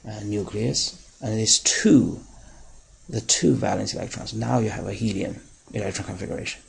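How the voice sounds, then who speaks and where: Very gravelly raspy male teacher. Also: on the low side, fairly bright tone, poor audio. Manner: patient step-by-step explaining with frequent pauses and fillers; stresses key words. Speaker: chemistry teacher. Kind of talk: recorded lecture.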